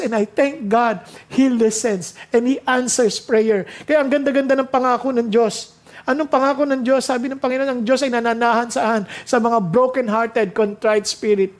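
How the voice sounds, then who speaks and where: High-voiced impassioned man preaching. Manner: impassioned, voice swings high and low for emphasis; mixes speech with quoted Bible verses read slowly. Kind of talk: sermon.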